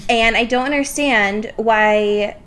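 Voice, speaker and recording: Speaking at a slow pace, this woman has a smooth, slightly high voice that's a bit bright. At twenty-three, she co-hosts a podcast full of casual, chatty book discussion, wry and informal, with offhand swearing and self-mockery.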